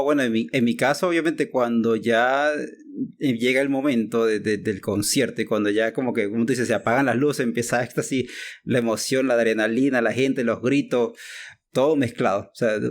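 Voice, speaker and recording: Halting man chatting. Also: medium pitch. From Chile. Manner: halting, many restarts and fillers. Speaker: podcast co-host. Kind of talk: casual chat.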